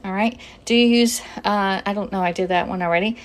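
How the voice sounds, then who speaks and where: Here the Northeast Pennsylvania woman runs her casual kitchen livestream briskly, her voice at medium pitch. Filming on a phone camera, she chats, greets viewers by name, and sounds a little out of breath.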